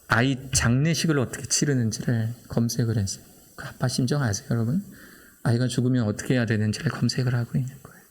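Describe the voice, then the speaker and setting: A middle-aged man preaching a sermon in a church, telling a personal story earnestly and building to impassioned emphasis. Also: medium pitch. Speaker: pastor. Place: church sanctuary.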